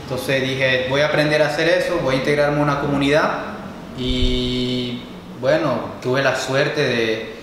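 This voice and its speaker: A man in his twenties, from Nicaragua and raised in Canada, answering interview questions in a hesitant, soft-spoken way, seated on a couch. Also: mid-range voice, fairly even intonation, a little slow. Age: 20s. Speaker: guest. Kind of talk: casual interview. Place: bright room, seated on a leather couch. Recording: echoey room with reverb and background noise.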